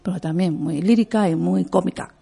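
Expressive woman opera singer, interviewed. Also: lowish voice, a little fast, creaky, breathy edge. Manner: expressive, animated storyteller with laughs. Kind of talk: interview conversation.

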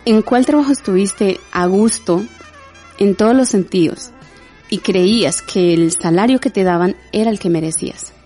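Latin American woman host, interview; mellow, measured, faint music bed. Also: mid-range voice. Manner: empathetic, measured questions. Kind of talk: conversational interview.

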